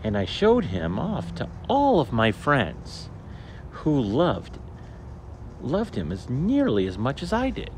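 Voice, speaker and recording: A male storyteller with a medium-pitched voice reads a picture book aloud to children, animated and theatrical, phrasing each line deliberately. Steady background noise runs under the recording.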